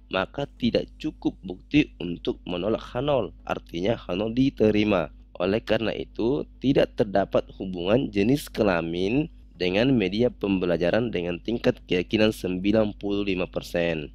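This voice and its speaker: A man with a fairly low voice guides viewers through a statistics program in a screen-recorded tutorial. He explains each click in a calm, methodical way while faint music plays underneath. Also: no room sound. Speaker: software tutorial instructor.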